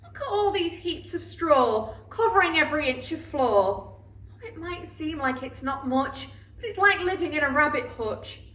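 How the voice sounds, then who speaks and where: A woman's voice: high voice, expressive, moderate pace, bright, forceful tone. A woman playing a melodramatic young miller's daughter in a rhyming pantomime, exclamatory and theatrical. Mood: despairing. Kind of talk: rhyming amateur pantomime acting. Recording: echoey room, distant microphone.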